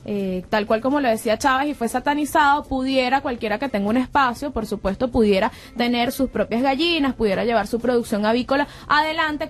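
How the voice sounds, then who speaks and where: A Venezuelan woman co-hosts a radio talk show, her voice sitting high. She comments on politics in a reflective, explanatory way, with casual fillers along the way.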